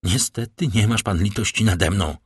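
A man's voice: lowish voice, normal speed, breathy edge, no echo. Desperate young man in an audiobook, urgent and anxious, read by a man, slightly raised voice, dry booth sound. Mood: pleading.

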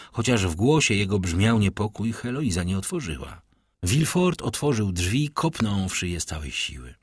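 A man narrating an audiobook in an expressive, dramatic way. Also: lowish voice, breathy edge, no echo, clean studio sound. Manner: expressive, lively storytelling.

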